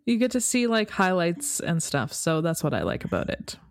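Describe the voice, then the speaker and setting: A woman from Canada co-hosting a podcast in casual chat, enthusiastic and quick to laugh. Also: lowish voice, huge pitch swings, dry recording, clean studio sound. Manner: warm, enthusiastic, laughs easily. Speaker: podcast co-host.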